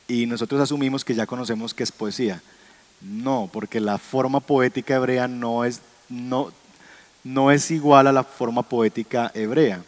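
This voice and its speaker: A man's voice: medium pitch, fairly even intonation, normal speed. A man teaching a Bible class on Hebrew poetry, talking to his students, asking them questions and chuckling now and then. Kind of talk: classroom lecture.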